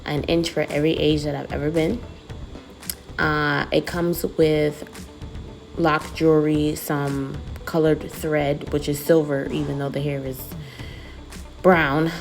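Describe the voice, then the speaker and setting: A woman's voice: deep voice, vocal fry, darkish tone. A woman in her thirties talking casually through a wig review, chatty and self-deprecating. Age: 30s. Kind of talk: casual product review vlog.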